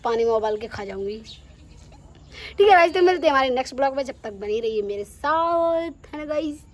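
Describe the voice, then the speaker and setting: A young woman chatting casually to her vlog viewers, teasing and animated. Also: high-pitched, fairly quick. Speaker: vlogger.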